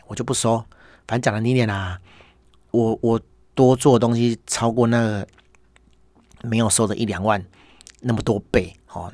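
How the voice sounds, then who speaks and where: A man with a Taiwanese Mandarin accent talks through a casual monologue, wry and a little exasperated, tagging his lines with "hor". His voice sits low with a gravelly fry. The sound is dry and close, with no room around it. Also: no echo. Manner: chatty, peppers speech with "hor" tags. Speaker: podcast host, business owner.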